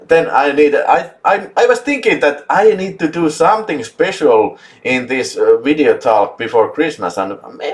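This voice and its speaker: A man from Finland with a Finnish accent, hosting a casual live chat, enthusiastic, laughing often and swearing for emphasis. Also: mid-range voice. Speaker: host.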